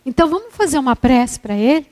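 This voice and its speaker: A woman lending her voice to a little boy, earnest and grateful, speaking tenderly to a grown man. The voice sits fairly high and stays soft and heartfelt. It is a gentle storytelling voice, not a full character act. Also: big pitch swings, fast talker, long reverb tail.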